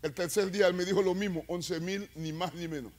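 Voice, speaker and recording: A male evangelist preaching a sermon, telling stories and rising to loud climaxes with call-and-response. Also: high-pitched, fairly even intonation, brisk. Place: church.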